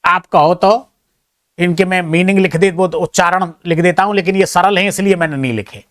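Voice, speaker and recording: A man's voice: high-pitched, fairly even intonation, fairly quick, a bit bright, dry recording, clean studio sound. A male teacher working through an exam answer key, reading each question aloud and checking the options one by one, with chatty, self-deprecating asides to his students.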